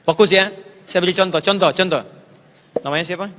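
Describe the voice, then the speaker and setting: A man teaching Quran letter pronunciation to a live audience, animated and drilling sounds by repetition. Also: high voice, brisk, a little hiss or hum. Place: large hall with audience. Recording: reverberant hall.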